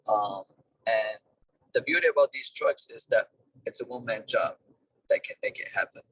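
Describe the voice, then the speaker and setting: A man talking over a car speakerphone while driving, a business owner giving plain, halting explanations in a casual interview. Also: medium pitch, lively intonation, fairly bright tone, a little hiss or hum. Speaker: duct cleaning business owner, guest. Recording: distant car speakerphone call.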